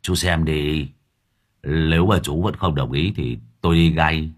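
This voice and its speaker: A man voicing a scruffy, broke middle-aged male vagrant who stammers and pleads in a hushed tone. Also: rumbling low, fairly even intonation, measured pace, voice pushed down. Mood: sheepish pleading.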